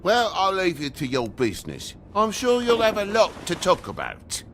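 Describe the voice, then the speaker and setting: A grumpy, down-on-his-luck toad from a video game, with a British accent. The voice rides fairly high and lurches all over in pitch as he gripes sarcastically, over a faint rumble. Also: wildly swooping pitch, normal speed, fairly bright tone, exaggerated voice. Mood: bitter, angry. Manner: griping, sarcastic, foul-mouthed.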